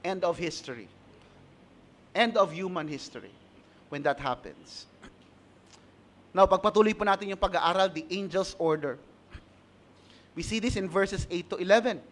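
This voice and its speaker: A man's voice: sits high, measured pace, pauses often, fairly bright tone. A man with a Filipino accent preaching a sermon, switching between Tagalog and English, asking the congregation questions and laughing at his own stories. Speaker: pastor.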